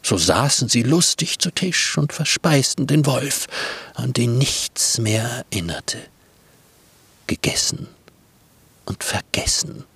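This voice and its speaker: A man narrating a comic fairy tale with a deadpan, dryly ironic, playful manner and a gravelly, husky voice. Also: medium pitch, unhurried.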